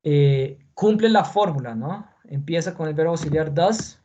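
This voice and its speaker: Patient male teacher, higher-pitched, leading a classroom lesson in Spanish, recorded lo-fi. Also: animated, moderate pace, warm tone. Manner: patient, repeats points, checks in with "¿ya?". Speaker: English teacher. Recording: dull lo-fi sound with faint noise.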